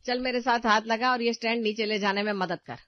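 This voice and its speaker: A woman's voice: a little high, steady tone, brisk, no room sound, lightly acted. A woman voicing a bossy, practical middle-aged mother-in-law in a cartoon story, firm and scolding. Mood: instructing. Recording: dull dry voice-over with faint music.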